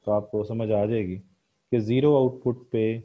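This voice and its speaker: A man's voice: lowish voice, steady tone, measured pace, phone-quality sound. A man giving a recorded economics lecture, explaining a graph step by step with frequent "uh" fillers and repeated pointing words.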